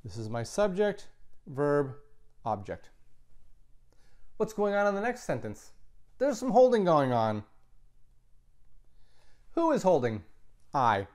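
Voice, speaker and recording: A man teaching a recorded grammar lesson, explaining slowly and patiently, sometimes correcting himself mid-sentence. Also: fairly high pitch, very animated, a little mellow. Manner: slow, patient explaining with self-corrections and asides. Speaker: Latin teacher.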